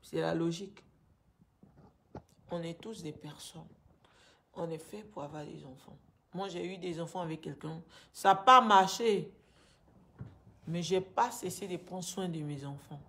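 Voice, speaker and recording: A woman in her thirties with an Ivorian accent in her French, giving a halting, distressed and grieving personal testimony to camera. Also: fairly low pitch, a bit bright, a little hiss or hum. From Ivory Coast. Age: 30s. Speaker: vlogger making a personal appeal. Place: small indoor room at home. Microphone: phone at arm's length.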